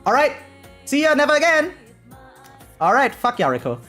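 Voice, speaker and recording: His voice is very high-pitched with wildly swooping pitch and a sharp tone, at a normal speed, as faint music plays. This variety game live streamer chats casually and rambles repetitively with slang and profanity, constantly checking in with "right?".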